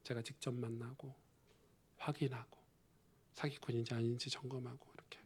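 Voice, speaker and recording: A male pastor preaching a sermon in a chatty storytelling manner that swings from loud emphasis to hushed near-whispers. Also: mid-range voice, level tone, unhurried, slightly rough.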